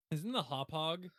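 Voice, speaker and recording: Relaxed man chatting about games. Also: a little high, no room sound, clean studio sound. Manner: relaxed, laughs along. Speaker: podcast co-host. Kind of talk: casual gaming banter.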